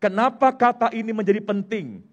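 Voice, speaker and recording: A man's voice: high-pitched, lively intonation, fairly quick, highs cut off. A man preaching a sermon in a church, explaining a word step by step and mixing in English terms. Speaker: pastor. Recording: long hall reverb.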